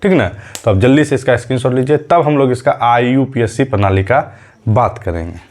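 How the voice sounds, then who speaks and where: A man's voice: medium pitch, lively intonation, brisk, darkish tone. A male chemistry teacher giving a medium lesson, patiently repeating key terms as questions and counting aloud step by step, with a light tinge. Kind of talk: classroom lesson.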